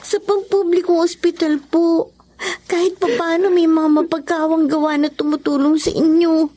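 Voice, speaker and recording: A woman's voice: very high-pitched, little pitch movement, moderate pace, warm tone. An actress playing a dutiful daughter pleading with her sick mother in a radio horror drama. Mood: worried. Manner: polite, pleading.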